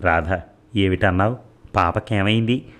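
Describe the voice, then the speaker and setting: A man's voice: low voice, a little slow. A man playing an anxious, coaxing young husband. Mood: pleading. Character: anxious young husband, tender and pleading with his sick wife.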